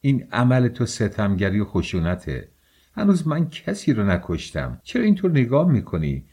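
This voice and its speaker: A man's voice: on the low side, wildly swooping pitch, warm tone, breathy edge, full character voice. A man voicing a proud young woman who pleads her case indignantly in a storybook reading.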